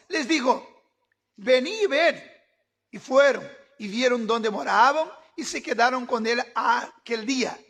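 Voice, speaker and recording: Very high-voiced fervent male preacher. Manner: fervent preaching, shouting at peaks. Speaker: pastor. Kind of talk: sermon.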